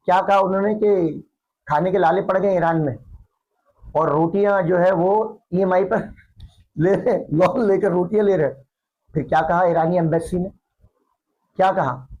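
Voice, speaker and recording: A middle-aged man taunts his opponents in a mocking monologue to camera. His voice sits a little high for a man, and he jeers and teases as he talks straight to his viewers. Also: a little mellow, muffled recording. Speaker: political commentator.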